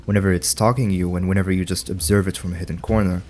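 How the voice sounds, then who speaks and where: A man's voice: low voice, flat delivery, quick pace, darkish tone, slight background noise. A man narrating a scripted video essay with wry, conversational commentary.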